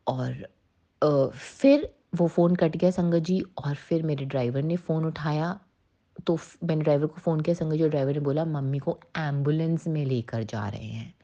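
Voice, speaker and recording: A woman's voice: deep voice, moderate pace, warm tone, muffled recording. A woman in her forties earnestly telling a personal testimony in a satsang, mixing Hindi with English as she speaks to the listeners. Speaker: devotee sharing a testimony.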